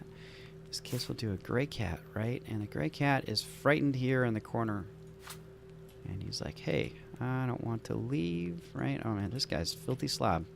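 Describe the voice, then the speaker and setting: A man with a gravelly, medium-pitched voice chats casually as he builds a game scenario. He thinks out loud, drifting into enthusiastic, rambling asides, in the style of relaxed gameplay commentary.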